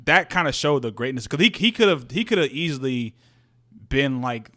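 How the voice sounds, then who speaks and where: Casual, swearing young guy co-hosting a podcast, laughs a lot and tells stories in a loose, rambling way, mid-pitched voice. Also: big pitch swings, normal speed, pushed and bright. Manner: loose, profane storytelling that slips into quoted voices; laughs often while talking. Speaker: podcast co-host. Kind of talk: casual chat.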